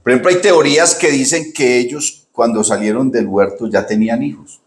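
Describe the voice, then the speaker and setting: Pastor guy preaching, keeps asking the crowd questions, mid pitch voice, roomy echo. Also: moderate pace. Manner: animated preaching, rhetorical questions, often says "hermano". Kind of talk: sermon.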